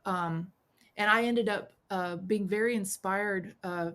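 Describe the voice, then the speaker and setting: A woman in her forties, a podcast guest, telling her story in a relaxed chat and acting out the voices of people she quotes. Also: medium pitch, slow pace. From South Carolina, US. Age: 40s. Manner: animated storyteller who acts out quoted voices. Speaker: podcast guest, witch and priestess. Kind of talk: casual storytelling interview.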